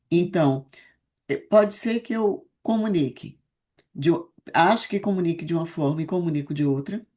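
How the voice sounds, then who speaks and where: Podcast guest, woman, lowish warm voice, measured explainer. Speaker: speech therapist guest. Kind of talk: casual explanatory chat.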